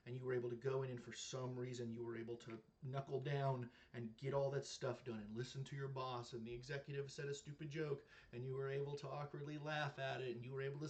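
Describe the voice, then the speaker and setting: A man's voice: mid-range voice, steady tone, a little fast, a little mellow. A man in his thirties or forties giving an earnest, casual reaction commentary to camera, with many fillers and restarts. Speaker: reaction video creator.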